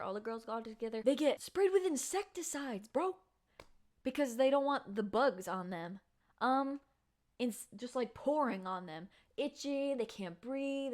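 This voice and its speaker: Woman, casual book review vlog, chatty, slangy, animated retelling. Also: fairly high pitch. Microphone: camera mic.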